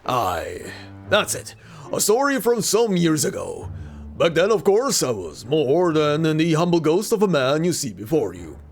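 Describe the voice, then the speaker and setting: Someone voicing a gruff, pompous old ghost of a sailor, like an old fisherman, in a video game read-aloud. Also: mid-range voice, big pitch swings, unhurried, faint music behind. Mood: proud. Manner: pompous, blustering old-seafarer talk.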